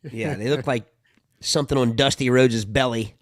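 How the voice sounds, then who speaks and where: A man's voice: medium pitch, fairly even intonation, normal speed, dry recording, clean studio sound. A man co-hosting a podcast in casual chat, joking with playful wordplay. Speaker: podcast co-host.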